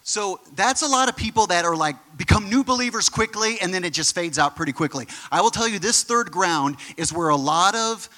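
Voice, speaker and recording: Bright-voiced preacher in an echoing hall. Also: male voice, sits high. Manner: animated, conversational preaching with quick asides. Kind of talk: sermon.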